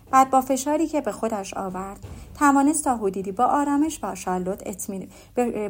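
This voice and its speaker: A woman reading a novel aloud as an audiobook narrator, in even, measured storytelling. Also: fairly high pitch.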